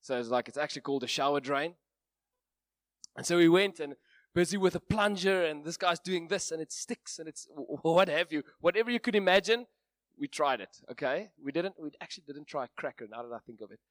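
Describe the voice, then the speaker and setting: A man with an Afrikaans accent, a native Afrikaans speaker, gives an informal sermon in a hoarse, strained voice with a self-deprecating, jokey manner. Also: a little high, animated, fairly quick, a bit bright, no room sound, clean studio sound. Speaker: preacher.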